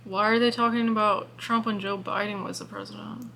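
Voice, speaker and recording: A woman's voice: mid-range voice, steady tone, brisk, vocal fry, sharp tone, slight background noise. A young American woman co-hosting a reaction video, chatting in an emphatic way. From United States. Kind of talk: casual reaction chat.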